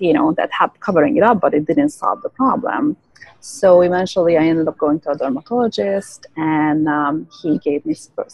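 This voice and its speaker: A woman's voice: fairly low pitch, a little mellow, slightly rough, rough recording. A woman in her thirties with a Hungarian accent, a native Hungarian speaker, explaining earnestly and at length as a guest in a podcast interview, with frequent fillers. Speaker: guest, licensed esthetician.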